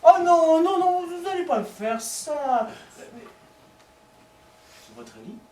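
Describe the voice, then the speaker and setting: Using a full character voice, a male performer speaks very high and slow, expressive yet darkish in tone. He portrays a lovesick man who stammers and pleads theatrically with his lover by phone during a live comedy show, captured at a distance in an echoing stage space.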